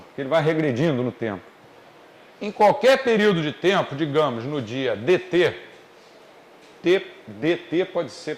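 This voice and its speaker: A man with a Brazilian Portuguese accent and a voice on the high side gives an economics lecture in class, explaining step by step and slowing down on key points. The classroom sounds echoey, with faint noise.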